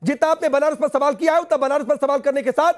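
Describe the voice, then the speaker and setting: Fast-talking high-voiced male news anchor. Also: steady tone. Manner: insistent, challenging, cuts in repeatedly. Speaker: TV news anchor moderating a debate. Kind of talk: moderating a heated TV debate.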